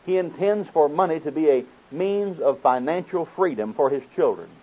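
This man's voice is a little high, expressive and breathy-edged, at normal speed. He's an Oklahoman with a local accent, preaching a folksy sermon that teaches through scripture quotations and questions to his listeners. The sound is muffled and narrow, like over a phone.

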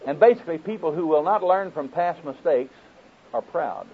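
A man's voice: on the high side, animated, moderate pace, a little hiss or hum. A man with an Oklahoma accent preaching a folksy sermon, quoting scripture and putting questions to his listeners. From Oklahoma, United States. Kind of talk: sermon teaching with scripture quotations. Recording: muffled, narrow phone-like sound.

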